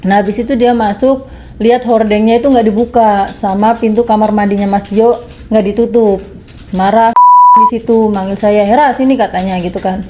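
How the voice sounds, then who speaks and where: A young woman, a domestic worker, giving testimony in a plain, halting way and quoting the dialogue. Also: medium pitch, steady tone, noisy background. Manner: plain retelling, quotes dialogue, slow and halting. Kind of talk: personal testimony.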